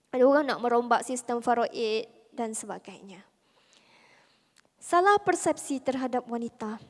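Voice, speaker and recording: A Malaysian woman speaking with a Malaysian Malay accent, giving a lively, conversational religious talk to a convention audience in a soft voice, full of rhetorical questions. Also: high voice. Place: large convention hall. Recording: hall reverb from the venue.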